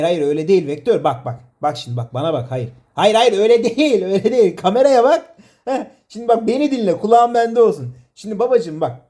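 A man's voice: high-pitched, a little mellow. A man directing a comedy sketch, teasing and exasperated, laughing often. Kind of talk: playful directing banter.

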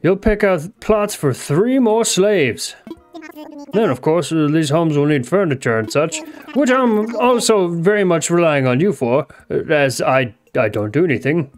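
A man's voice: fairly high pitch, lively intonation, unhurried, faint music behind. A man voicing a scheming raccoon shopkeeper and landlord in a lightly raised, mock-polite voice.

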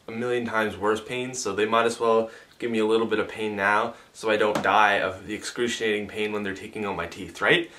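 A man's voice: fairly low pitch, pushed and bright. Young man, casual rambling vlog, sore mouth after wisdom teeth removal, slight lisp, mouth held half closed. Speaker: vlogger.

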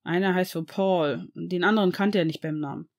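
A reader voicing a calm aristocratic man who speaks in a reassuring way. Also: medium pitch, normal speed, lightly acted. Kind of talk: audiobook fan reading.

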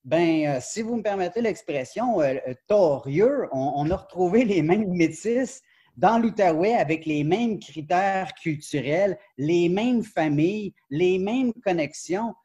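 A man in his forties with a Quebec French accent speaks over a webcam from a sunroom. His voice is mellow and slightly husky, a bit high for a man, and he talks animatedly with frequent fillers and self-corrections as he explains his research. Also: unhurried. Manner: animated, gestures a lot, many fillers and restarts. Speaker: professor and book author, guest. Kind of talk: academic interview over video call. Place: glass-walled sunroom indoors. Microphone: video call webcam.

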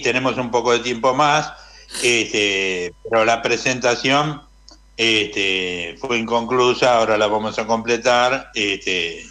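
A man hosting a radio interview, introducing his guest in a relaxed way with frequent fillers. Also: medium pitch. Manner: relaxed, uses "este" as filler. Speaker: radio host.

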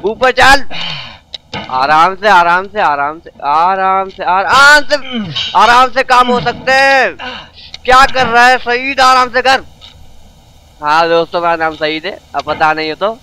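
A man giving excited let's-play commentary, coaxing and yelling at his game character, his throat dry from shouting. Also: high voice, measured pace, smooth, poor audio. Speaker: gaming video host.

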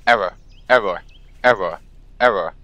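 A man's voice: fairly low pitch, moderate pace, dry recording. A man doing a glitching broken robot teacher. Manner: flat mechanical recitation. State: glitching, repeating error messages. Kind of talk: comedic skit.

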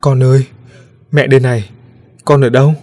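A man's voice: medium pitch, flat delivery, fairly quick, mellow, close to an everyday voice. A man voicing a grieving ghostly young mother who sobs and pleads as she searches for her lost son, in a storybook reading. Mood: mournful. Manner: sobbing, pleading, raised voice.

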